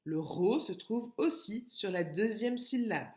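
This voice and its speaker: This kindergarten teacher, a woman with a French accent, sounds animated yet a little slow, her mid-range voice carrying a darkish tone in a reverberant space. During the recorded remote lesson she patiently repeats words for young children and divides them into syllables.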